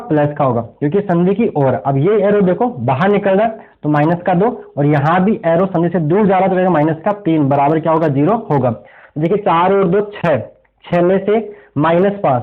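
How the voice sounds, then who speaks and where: High-voiced male teacher on tinny audio. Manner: explains step by step, poses rhetorical questions to students. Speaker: physics teacher. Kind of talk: exam revision lecture at a board.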